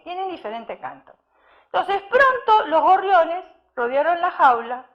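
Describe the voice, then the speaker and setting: A woman preaches a sermon, her voice pitched high. She tells a story and keeps turning questions to her congregation. The recording sounds muffled and lo-fi. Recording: dull lo-fi sound.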